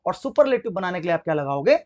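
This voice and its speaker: A man teaching English grammar for exam preparation, speaking Hindi with an accent from it, asking his class questions and answering them himself while he spells words out slowly. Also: high voice, sing-song, a little mellow. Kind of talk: exam-prep grammar lesson.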